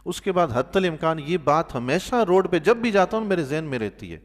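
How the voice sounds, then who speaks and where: A man, a mosque imam giving Quran commentary, telling stories with animated bursts of loudness and soft, quiet asides. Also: fairly high pitch, in a large hall. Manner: animated storyteller, voice swelling loudly on emphatic points; drops to a soft, quiet tone for pious exclamations. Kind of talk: sermon-style Quran commentary with storytelling.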